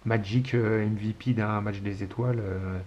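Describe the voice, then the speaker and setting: A man's voice: lowish voice, fairly even intonation, moderate pace, a little mellow. A man in his forties from France, hosting a casual solo chat show, rambling with many hesitations in a fond, nostalgic way. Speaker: show host. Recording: dull home recording with faint hiss.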